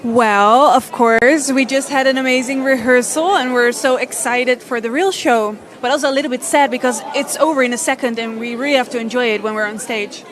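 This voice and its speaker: A woman's voice: on the high side, fairly quick, few pauses. A woman from the Netherlands, a pageant contestant, upbeat and encouraging in a red carpet interview.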